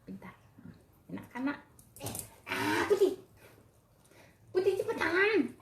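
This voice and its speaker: A woman's voice: very high voice, big pitch swings, slow, gravelly, a little hiss or hum. A woman at home talking in a doting, coaxing baby-talk to her pets as she gives them medicine. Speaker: pet owner. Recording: echoey room.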